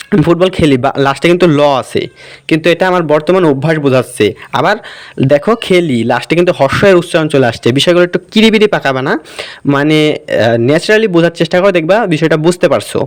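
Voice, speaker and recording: A man teaching English grammar in a casual classroom style, asking questions and answering them himself. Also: a little high. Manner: talkative, asks and answers his own questions. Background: noisy surroundings.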